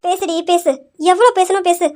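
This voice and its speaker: This is a scolding old grandmother who fusses and nags without letup, as a woman puts her on. The voice sits very high and thin, and it sounds like a homemade family skit. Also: moderate pace, a little mellow. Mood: nagging. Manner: nagging, fussing. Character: scolding grandmother, older woman, sharp-tongued.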